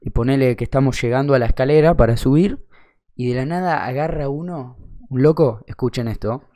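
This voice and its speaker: Brisk and dark-toned at a medium pitch, this young Argentine man, speaking Rioplatense, spins a funny story. He talks casually, swearing and using plenty of slang.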